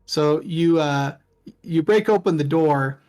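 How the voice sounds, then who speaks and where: A man's voice: fairly high pitch, slow pace, a little mellow, clean tone. A man narrating as game master of a tabletop game, in a casual, rambling way. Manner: casual, rambling, with many fillers.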